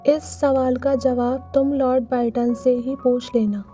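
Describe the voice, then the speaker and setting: A woman voicing a calm, gentle queen mother in a storybook retelling. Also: high voice, a little slow, far from the mic, soft background music.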